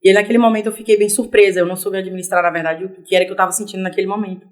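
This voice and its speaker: A young adult woman, a podcast guest, telling her personal story in a casual, lively interview. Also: mid-range voice, very fast.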